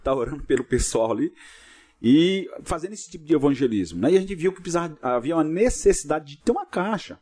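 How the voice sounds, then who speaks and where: A man, a pastor guest on a podcast, telling a long story in a casual interview, lively and acting out what people said. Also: fairly high pitch, breathy edge. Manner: fast, vivid storyteller acting out dialogue.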